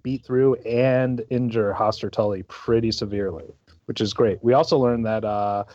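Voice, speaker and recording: A man's voice: darkish tone, no echo. A man co-hosting a book podcast, giving a loose, swearing, rambling chapter summary. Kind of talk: casual book discussion. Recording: muffled dry low-fi audio.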